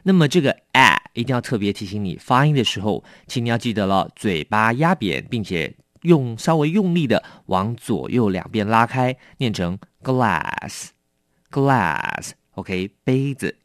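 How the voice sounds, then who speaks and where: A man with a Taiwanese Mandarin accent teaching English vocabulary, explaining patiently and repeating each word slowly. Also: medium pitch, very animated, fairly bright tone, no room sound, studio quality. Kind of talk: vocabulary lesson.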